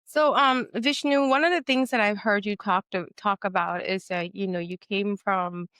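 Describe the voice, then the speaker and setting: A woman's voice: medium pitch, steady tone, moderate pace, a bit bright, smooth, no room sound. A woman from Guyana hosting a podcast interview, talking reflectively with frequent fillers and restarts. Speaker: podcast host. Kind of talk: conversational interview.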